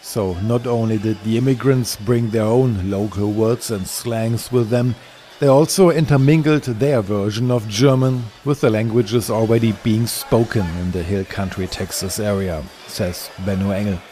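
A man narrating a documentary voice-over in a calm, explanatory way. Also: on the low side, normal speed.

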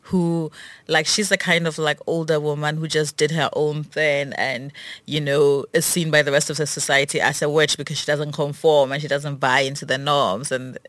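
A woman's voice: sits low, little pitch movement, normal speed, a bit bright, no echo. A woman co-hosting a podcast, chatting casually with a friend, enthusiastic and thinking aloud with lots of fillers. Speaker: podcast co-host. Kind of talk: casual conversation between friends.

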